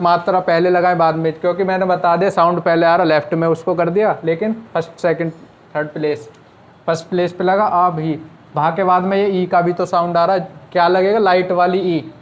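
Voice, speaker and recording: On lo-fi audio, a high-voiced man patiently teaches shorthand in an online class. He works step by step, posing rhetorical questions that he then answers.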